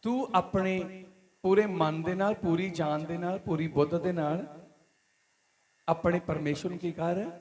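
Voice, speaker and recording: Punjabi-accented male pastor, very high voice, emphatic repetitive sermon delivery. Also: fairly even intonation, unhurried, pauses often, a little mellow. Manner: preaching with rising emphatic questions and repetition. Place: church hall.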